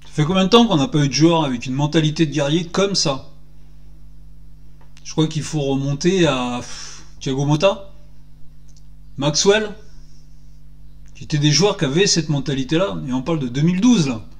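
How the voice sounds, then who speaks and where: A man in his forties delivers an animated, indignant solo rant and keeps firing rhetorical questions. His voice sits a little high for a man. He speaks into a desk microphone in a small indoor room. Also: normal speed, long pauses. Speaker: football commentator vlogger. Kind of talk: solo opinion vlog. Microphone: desk microphone on stand.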